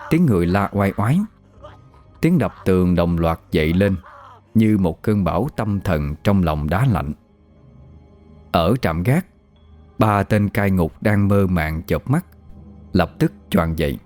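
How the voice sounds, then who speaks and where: Brief: deep-voiced male storyteller, grave and measured horror narration, faint music underneath. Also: darkish tone.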